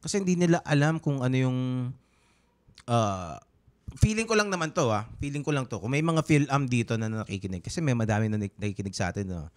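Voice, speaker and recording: A man with a Filipino accent co-hosts a podcast, chatting casually and mixing Tagalog with English. His voice sits in the mid range with lively intonation and a brisk pace, and his talk rambles and hesitates, full of fillers and restarts.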